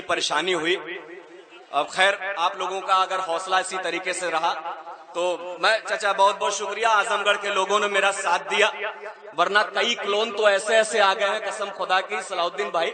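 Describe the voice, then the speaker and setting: A man, a poet reciting verse at a live mushaira, declaiming and building to shouts. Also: high-pitched. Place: outdoor stage before a crowd. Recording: crowd noise at a live event. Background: cheering crowd.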